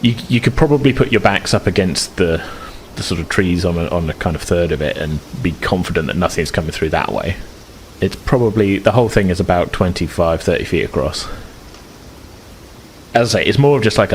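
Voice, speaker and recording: Running a tabletop game, this very deep-voiced game master narrates in an animated, fairly quick, rambling style packed with fillers and restarts. The audio quality is poor, with a faint noise underneath.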